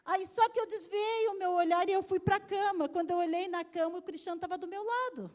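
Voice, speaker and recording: Very high-voiced Brazilian woman preaching. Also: brisk, darkish tone. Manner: storytelling, emphatic repetition. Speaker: pastor. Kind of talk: sermon. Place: church.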